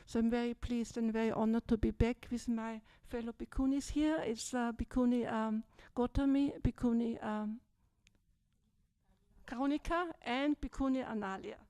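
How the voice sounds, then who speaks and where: Older woman, Austrian accent, Buddhist nun, chatty retreat talk, mellow high voice, dry close mic. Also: fairly even intonation, normal speed, clear, resonant tone, dry recording. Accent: Austrian German. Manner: chatty, frequent "yes?" and "yeah?" checks. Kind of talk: retreat talk, personal story. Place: large dim hall, seated on a low stage. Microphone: handheld microphone.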